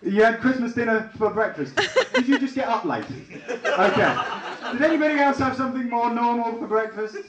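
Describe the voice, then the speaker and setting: Lively high-voiced comedian with a Leicester accent. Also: male voice, brisk, distant mic. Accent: Leicester with a Liverpool tinge. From England. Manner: chatty, bantering with the crowd, bursts into excited yelps. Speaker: stand-up comedian. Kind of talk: stand-up comedy routine. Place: small theatre lounge with a live audience. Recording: echoey room, recorded from afar.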